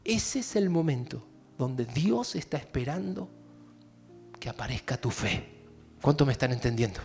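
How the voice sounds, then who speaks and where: A man preaching a sermon in an Argentine Spanish accent, addressing the congregation directly and moving between hushed and loud, impassioned passages. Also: mid-range voice, big pitch swings, normal speed, gravelly, faint music behind. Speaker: pastor.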